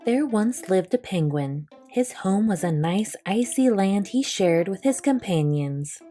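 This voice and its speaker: A woman reading a children's picture book aloud as a storyteller, with expressive delivery. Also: mid-range voice, a little slow, soft background music.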